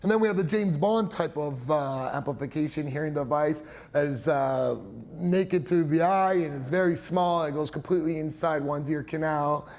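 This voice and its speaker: A young man of Italian heritage, a hearing care professional, speaks in a slightly high, somewhat mellow voice at a normal pace, barely pausing. He answers interview questions about his clinic in a chatty, explanatory way, with lots of fillers and small laughs.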